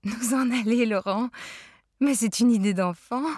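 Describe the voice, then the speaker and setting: A gentle, patient mother talking softly to her child, as a woman reads her part in a storybook. Her voice slips into hushed near-whispers and stays close and dry, with no room around it. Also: on the high side, a little slow, no echo, pitched above the performer's own voice. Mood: tender. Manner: soft, hushed, dropping to whispers.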